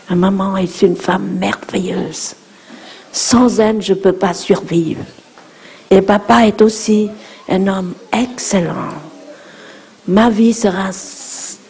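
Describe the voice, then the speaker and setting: A woman interpreting a dharma talk for children in a gentle manner, guiding them through breathing exercises. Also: on the low side, creaky, husky.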